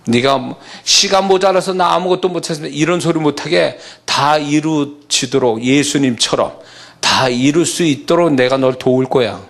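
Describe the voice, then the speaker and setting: A man preaching who voices God speaking calmly and reassuringly to a worried believer, slowly and in a lower voice. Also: gravelly.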